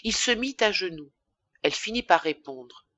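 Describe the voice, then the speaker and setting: A woman's voice: on the low side, no room sound. Dry-voiced woman reading a classic novel. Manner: expressive, measured literary reading. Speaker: audiobook narrator. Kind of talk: scripted narration of a classic novel.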